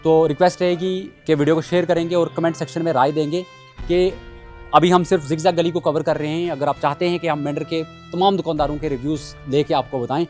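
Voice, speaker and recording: A man's voice: on the high side, steady tone, fast talker, darkish tone, faint music behind. A man reporting from an outdoor market lane and interviewing shopkeepers, with earnest appeals to viewers. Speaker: street reporter.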